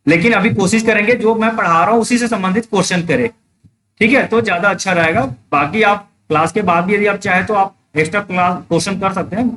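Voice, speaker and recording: A man's voice: high voice, a bit bright, a little hiss or hum. A man teaching a live exam-prep class online, explaining step by step, repeating key points and checking that students follow.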